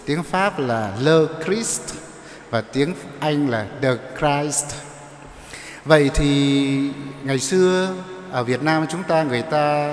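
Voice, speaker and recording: Priest preaching in an echoey church. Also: male voice, on the high side, a little hiss or hum. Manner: explanatory, asks the congregation questions. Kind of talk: sermon. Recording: echoey church with long reverb.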